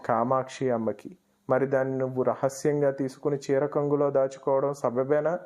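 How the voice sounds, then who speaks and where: A man's voice: mid-range voice, flat delivery, moderate pace, a little mellow, natural voice. A man voicing a revered old holy man in a storybook reading, kindly but stern, speaking in a commanding, knowing way.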